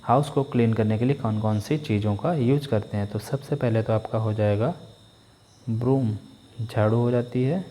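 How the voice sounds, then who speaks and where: A male teacher with an Indian English accent. He reads English textbook lines aloud slowly and explains them quickly in Hindi. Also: fairly low pitch, dark tone, slight background noise.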